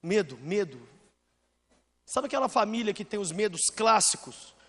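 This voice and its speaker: A man with a high voice preaches from the pulpit, stacking up items in a steady rhythm. The long reverb of a church hall hangs on his words. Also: moderate pace, breathy edge. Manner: lists things in a steady rhythm. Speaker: pastor. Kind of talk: sermon.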